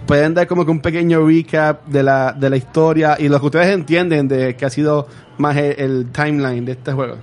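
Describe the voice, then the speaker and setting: A man's voice: a little high, fairly even intonation, moderate pace, a little mellow. A man with a Puerto Rican accent hosting a casual group chat. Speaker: host.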